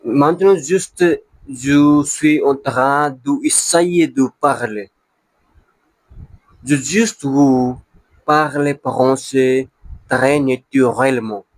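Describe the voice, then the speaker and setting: A man who is a beginner learner, speaking broken French with a non-native accent in a casual monologue, halting to search for words and repeating them. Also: mid-range voice, dry recording. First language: not French, a beginner learner of French. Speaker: language learner.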